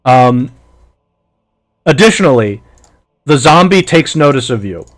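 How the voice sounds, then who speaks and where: A man narrating a tabletop game as game master, lively and halting with fillers. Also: mid-range voice.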